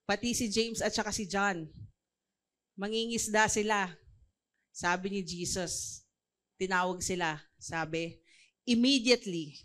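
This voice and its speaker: A woman's voice: mid-range voice, fairly bright tone. A woman with a Filipino accent preaching a Bible sermon, mixing Tagalog and English and pressing her points with rhetorical questions.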